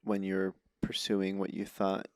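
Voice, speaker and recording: Gravelly-voiced halting podcast host. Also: male voice, low-pitched, completely flat delivery, no room sound, studio quality. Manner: curious and halting, fumbles for his questions. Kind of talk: casual interview.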